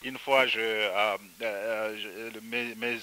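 A Congolese man hosting a radio interview, talking haltingly with many filler sounds and restarts. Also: on the low side, steady tone, sharp tone, clear, resonant tone. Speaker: radio host and teacher.

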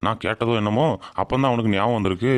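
A man as a crafty, fast-talking village farmhand. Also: lowish voice, dry recording, natural voice. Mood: cheeky. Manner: rapid, cheeky, argumentative. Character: crafty male village farmhand, feigns anger. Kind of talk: village comedy skit.

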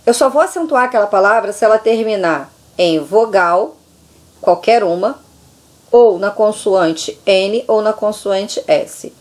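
A woman's voice: mid-range voice, animated, a little slow, a little mellow. A woman from Brazil whose first language is Portuguese, teaching a recorded class and explaining step by step, often checking in with the students. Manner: explanatory, repeats points with "tá?" checks. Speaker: Spanish teacher. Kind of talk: recorded online class lecture.

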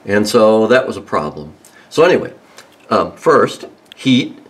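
Male host, lowish voice, loose unscripted how-to talk with fillers, recorded on a handheld phone under a car in a garage. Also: unhurried, slightly rough. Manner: relaxed, rambling, with many ums and restarts. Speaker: home mechanic host. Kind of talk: casual how-to demonstration.

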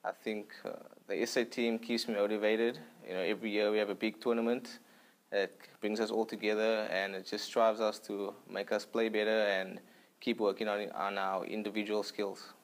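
A young South African man answers interview questions in a mild, measured manner. His fairly low voice stays even. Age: 20s. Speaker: ice hockey player.

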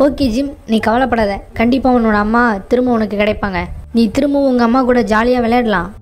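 A cheeky cartoon little boy who chatters in a quick, bubbly rush and a raised voice, as a woman acts him out. Faint game music runs behind him. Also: fairly high pitch, a little mellow, lightly acted. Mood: reassuring. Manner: bubbly, teasing, rapid.

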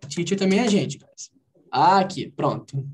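A woman teaching an English conversation class over a video call, explaining phrases and repeating English examples slowly. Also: fairly low pitch, lively intonation, a little mellow.

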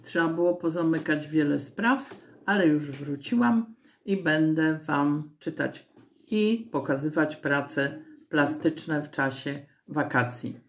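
A woman reading a children's story aloud with an expressive, storytelling manner. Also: sits low, slow pace.

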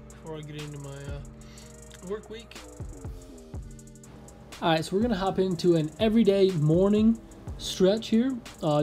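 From a small indoor apartment room, a young man with a voice on the high side films a casual vlog. Easygoing and joking, he explains a stretching routine while putting together a sandwich.

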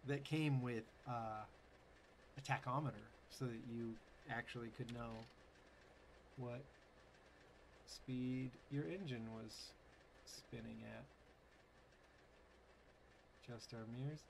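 A man's voice: mid-range voice, fairly even intonation, slow, vocal fry, pauses often, slight background noise. A man hosting a gaming channel, giving casual, chatty commentary over gameplay with wry, sarcastic asides and lots of fillers.

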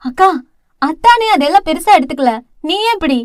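Woman reader as an anxious younger sister, pleading and soothing, high voice, dry close recording. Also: lively intonation, moderate pace, no echo. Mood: worried. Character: frightened young woman, caring younger sister, college student.

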